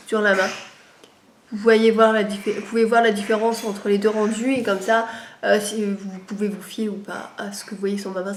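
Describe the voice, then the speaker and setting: A woman casually chats in a vlog, sounding slightly nasal as she recovers from a cold. Her medium-pitched voice is roomy, with a little hiss or hum, and she rambles hesitantly with plenty of fillers.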